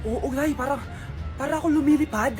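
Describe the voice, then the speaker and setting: A woman's voice: high voice, fairly quick, voice pushed down, close to an everyday voice. Woman playing a loopy, giddy sick kid. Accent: Filipino. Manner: dazed, giddy. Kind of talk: comedy skit acting. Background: background music.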